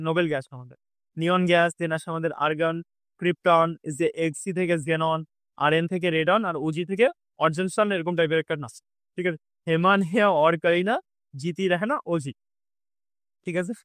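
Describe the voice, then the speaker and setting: A man's voice: high-pitched, clean tone, dry recording. A man teaching an exam-prep lesson, rattling off memory lists and checking in with his students again and again. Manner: drilling, repeats lists at speed with frequent "ঠিক আছে?" checks. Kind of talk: recorded online lesson.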